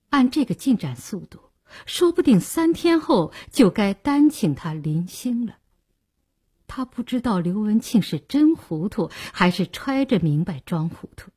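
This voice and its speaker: A woman narrating a radio novel at a measured pace. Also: mid-range voice, warm tone, slightly rough. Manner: measured storytelling. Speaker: novel reader.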